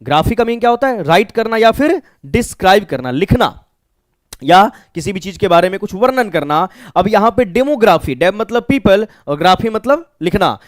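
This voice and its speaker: A man with a Bihari accent teaches an exam-prep vocabulary lesson in a high voice. He works through each word by asking his own questions and answering them. The sound is close and dry. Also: very animated, moderate pace, dry recording.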